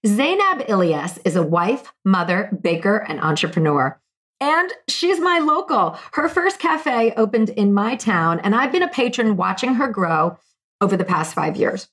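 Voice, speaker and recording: Bright and sing-song in a mid-range voice, a business podcast host moves at a measured pace from a scripted introduction into a casual chat with a guest. She sounds upbeat and enthusiastic, sprinkling in "you know" often.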